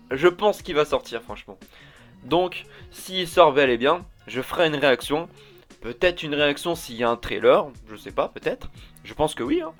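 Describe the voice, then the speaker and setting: A young man talks off the cuff in a vlog, rambling from one thought to the next. He gets excitable and swears freely, and faint music runs low beneath his voice. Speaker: YouTuber. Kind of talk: unscripted casual vlog talk.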